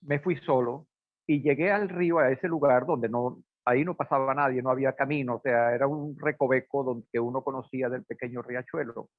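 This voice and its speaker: A man's voice: medium pitch, steady tone, a little fast, dry recording. A man from Portugal raised in Venezuela, telling a personal story in a hesitant conversational way with many fillers. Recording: dry, phone-like band.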